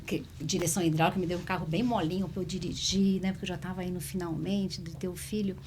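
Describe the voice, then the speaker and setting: A woman telling a personal story in a conversation, in a lively, emotional way. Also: lowish voice, quick pace, a little hiss or hum. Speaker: spiritist speaker.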